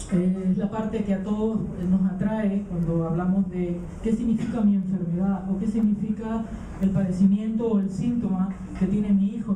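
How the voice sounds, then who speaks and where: A man's voice: high voice, dark tone, slight background noise. A man raised in Venezuela giving a live conference talk, hesitant with many fillers and restarts. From Canary Islands, raised in Venezuela. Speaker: conference speaker. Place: conference hall. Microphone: handheld mic held away from the mouth. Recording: roomy hall, distant mic, dull sound.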